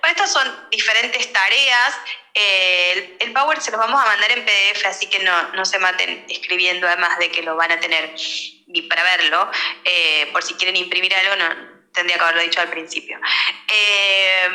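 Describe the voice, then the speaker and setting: Bright-voiced woman lecturing. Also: mid-range voice. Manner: explanatory, teacherly, checks in with "¿sí?". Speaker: speech therapy lecturer. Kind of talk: online lecture with slides. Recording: roomy echo.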